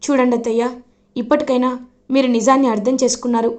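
A gentle young wife pleads patiently with her mother-in-law, read by a woman narrator. Her voice is high and soft-spoken. The lines come from a spoken recap of a serial. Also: little pitch movement, fast, natural voice. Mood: pleading.

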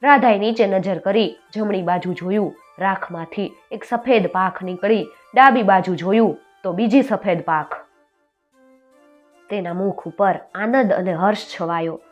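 A woman storyteller narrating a fairy tale in a steady, expressive manner. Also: medium pitch, measured pace, dull audio, faint music behind.

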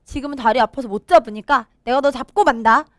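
A woman's voice: sits high, quick pace, dry recording, studio quality, close to an everyday voice. A woman voicing an injured young female squirrel in a storybook, crying out indignantly.

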